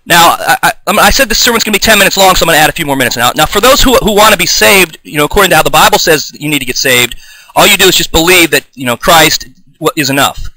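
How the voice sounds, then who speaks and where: A man giving an improvised, combative video sermon, reading scripture aloud, often restarting and clearing his throat. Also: fairly high pitch, animated, fast, pushed and bright, no echo, rough recording. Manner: fired-up, combative, denouncing opponents. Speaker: self-taught online preacher.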